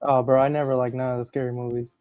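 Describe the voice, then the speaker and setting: A man's voice: mid-range voice, level tone, fast, no echo, soft background music. A man co-hosting a wrestling watch-along, chatting casually with slang over a video call. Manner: loose, laid-back reacting with slang. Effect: heard over a video call. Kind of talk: casual chat. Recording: dull, lo-fi video call audio.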